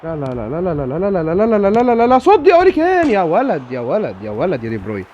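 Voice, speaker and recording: A man with an Egyptian Arabic accent giving excitable live commentary on his own football video game match, cheering and groaning at the play. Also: sits high, racing, highs cut off, a little hiss or hum. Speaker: gamer.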